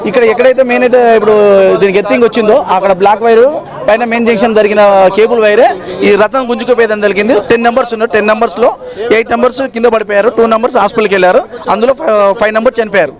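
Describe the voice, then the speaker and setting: A local man in a street interview, explaining in detail with some halting. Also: high-pitched, steady tone, crowd noise. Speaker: local resident.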